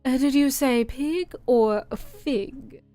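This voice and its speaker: A woman's voice: sits high, warm tone, no echo, soft background music. Woman voicing a languid, drawling Cheshire Cat. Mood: smug, teasing. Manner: slow drawn-out delivery, teasing and unbothered. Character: grinning, languid, slyly mad talking cat.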